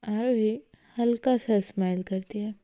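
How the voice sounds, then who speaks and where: A woman narrating a romance story aloud in a quiet, gentle reading voice. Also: medium pitch, unhurried, no echo.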